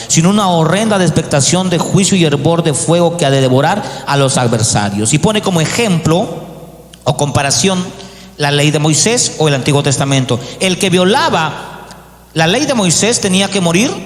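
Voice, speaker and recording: A man's voice: fairly high pitch, expressive, moderate pace. A man preaching a sermon as pastor, rising to emphatic peaks and acting out the voices of doubters. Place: church. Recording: echoey church hall.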